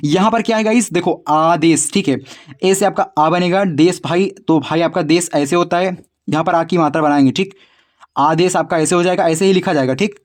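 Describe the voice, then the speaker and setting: Man teaching spelling. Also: fairly high pitch. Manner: talks to viewers directly as brother and kids, repeats words slowly. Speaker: English tutor on a video channel. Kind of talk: casual spoken lesson, spelling out words.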